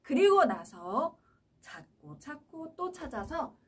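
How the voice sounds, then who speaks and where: A woman preaching to children, telling a Bible story in a simple, animated way. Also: high-pitched, slow pace, far from the mic, a little hiss or hum. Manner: animated, explaining simply to kids. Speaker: children's Sunday school teacher.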